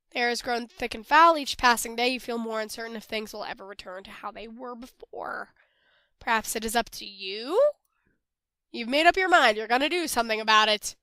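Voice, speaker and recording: A young woman plays a text adventure game as a let's play gamer, reading its lines out loud and commenting between them. Still getting over a cold, she sounds a little hoarse, laughs a lot and swears loudly whenever the game surprises her. Her voice is slightly high, with no room sound in the recording.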